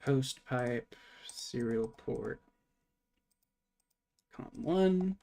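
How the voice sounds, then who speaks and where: A man's voice: mid-range voice, expressive, extremely slow, gravelly, dark tone. A man streaming live while programming, thinking aloud in a casual, muttering way and swearing now and then.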